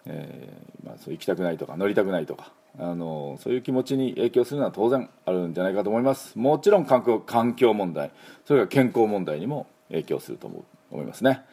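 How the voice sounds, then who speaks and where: This middle-aged man, an English teacher hosting a show, talks briskly in a low, husky, mellow voice with big pitch swings. His casual lesson drifts through fillers and asides as he runs repeat-after-me pronunciation drills.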